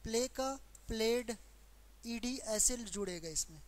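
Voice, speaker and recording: Slow-spoken woman teaching English grammar. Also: fairly high pitch, animated. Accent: Hindi. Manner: slow, repetitive explaining with questions to students. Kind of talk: exam-prep grammar lesson.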